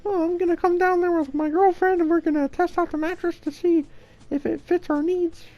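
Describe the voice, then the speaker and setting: A man putting on a very high, squeaky voice to play a goofy, mock-polite male prank caller. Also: level tone, brisk, lo-fi sound.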